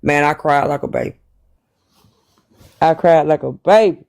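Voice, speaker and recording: A man's voice: a little high, measured pace, creaky, darkish tone. A man, telling his story in casual chat and preaching about planning for money.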